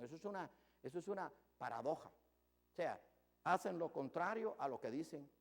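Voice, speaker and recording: Pastor guy preaching, emphatic, loud then quiet, long echo. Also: a little high. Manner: emphatic, swings between loud and hushed. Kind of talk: sermon.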